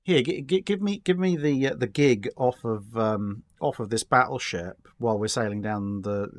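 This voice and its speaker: As a guest fielding history and starship questions, this man speaks in a mid-range voice at normal speed, with no room sound. His talk is casual and wandering, dry-witted and fond of hypotheticals.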